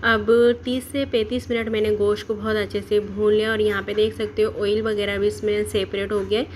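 A woman narrates a home cooking video in a steady, instructional way, walking through each step and offering alternatives. Her voice sits at an ordinary middle pitch for a woman. A faint hum of room ambience stays behind her. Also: brisk. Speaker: cooking channel host.

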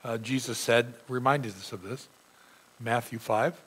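Preaching earnestly in the church sanctuary despite a sore throat, a middle-aged pastor reads scripture aloud with emphasis during his sermon. He speaks unhurriedly in a mid-range voice that is a bit bright with a breathy edge.

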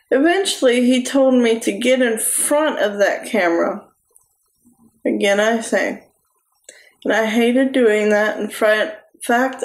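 Slow, halting woman preaching to camera. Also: fairly high pitch. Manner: slow, halting delivery with restarts. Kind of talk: personal testimony sermon to camera. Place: small room indoors. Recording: echoey room.

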